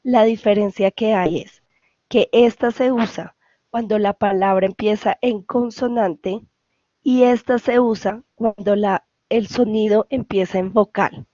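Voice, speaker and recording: A woman's voice: mid-range voice, fairly even intonation, unhurried, mellow, no echo, lo-fi sound. A woman with a Colombian Spanish accent, an English tutor patiently explaining grammar over a video call and often checking for questions. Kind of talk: online class explanation.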